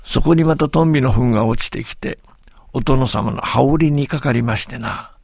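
A man's voice: medium pitch, moderate pace, creaky, darkish tone, husky, no echo, studio quality. A man voicing a sly, boastful village tall-tale teller who speaks with humble, servile politeness. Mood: storytelling.

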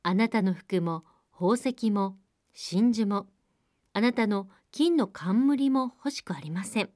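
A woman voicing a squat, persistent male frog who speaks courteously and pleads in drawn-out calls. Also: mid-range voice, animated, a little mellow, dry recording, clean studio sound.

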